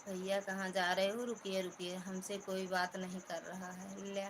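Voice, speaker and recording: A middle-aged woman with an Awadhi accent, hoarse from talking, casually chatting with viewers on a live stream and greeting them by name. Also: mid-range voice, flat delivery, unhurried, background noise. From Pratapgarh region, Uttar Pradesh.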